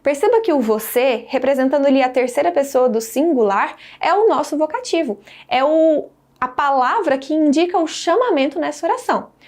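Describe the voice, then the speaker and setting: A woman teacher giving a scripted grammar lesson, speaking clearly and stressing her example sentences. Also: high voice, expressive, brisk, hardly any pauses, a little mellow.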